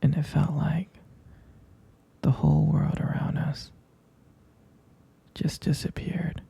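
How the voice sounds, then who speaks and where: Playing a smitten, devoted boyfriend for ASMR, a man speaks in a husky, breathy whisper, hesitant and lovingly repeating himself. He takes it slowly, his dark-toned voice on the high side with little pitch movement, and the delivery is heavily acted. It feels tender and wistful.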